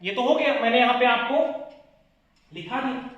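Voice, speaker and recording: A man's voice: extremely high pitch, moderate pace, fairly bright tone, highs cut off. A man teaching a grammar lesson, asking his class questions and answering them himself, repeating each key point. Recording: very echoey room.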